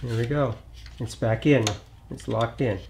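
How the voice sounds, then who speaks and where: A middle-aged man hosting a hands-on repair tutorial in his home garage, talking in a relaxed, plainspoken way as he works on an engine bay. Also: mid-range voice, a little slow, creaky, slight background noise. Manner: relaxed, plainspoken, thinks aloud while working. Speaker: DIY auto repair channel host.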